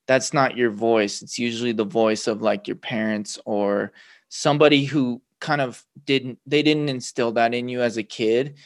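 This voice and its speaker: A man's voice: mid-range voice, fairly even intonation, moderate pace. A man hosting a casual podcast conversation, talking emphatically and swearing freely.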